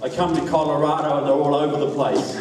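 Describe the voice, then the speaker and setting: A man's voice: on the high side, little pitch movement, quick pace. New Zealand man speaking in a hall. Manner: folksy, joking asides to the crowd. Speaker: guest speaker. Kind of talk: political talk to a live audience. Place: large hall. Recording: echoey hall, distant mic, faint noise.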